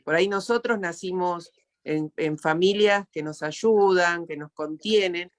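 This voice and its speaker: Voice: mid-range voice, measured pace. An interview host with an Argentine accent, talking reflectively and emotionally, often repeating words. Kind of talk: casual interview talk.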